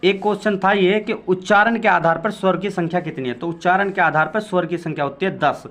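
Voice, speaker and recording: Guy teaching grammar for exams, kinda high voice, repeats stuff, asks the class questions. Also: a bit bright. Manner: explains slowly, repeating and drawing out sounds; talks to viewers directly with quiz-like questions. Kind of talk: exam-prep lesson.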